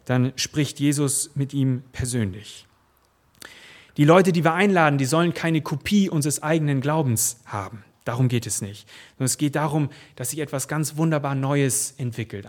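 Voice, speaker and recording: A pastor preaching a sermon in a conversational way, often quoting the people he talks about, shifting between quiet reflection and emphasis. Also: medium pitch, normal speed. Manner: conversational, with frequent quoted asides.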